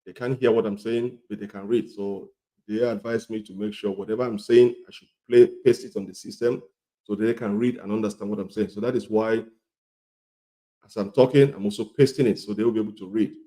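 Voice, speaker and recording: A man with a coarse, gravelly voice, hoarse from a cold, giving emphatic, repetitive instructional talk to viewers as a health presenter. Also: on the low side, fairly even intonation, a little fast, mellow.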